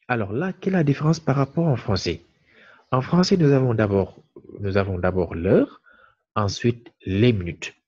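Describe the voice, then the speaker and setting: A man teaching a lesson to viewers, slow and deliberate, repeating key words. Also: on the low side, a little mellow, slightly rough. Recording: muffled lo-fi recording.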